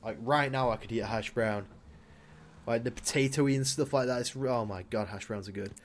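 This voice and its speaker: This gaming YouTuber is a young man with a typical mid-range voice, riffing casually as he plays. At a moderate pace he chats to his Sim, urging it on and breaking into loud outbursts, with a little hiss or hum on the recording.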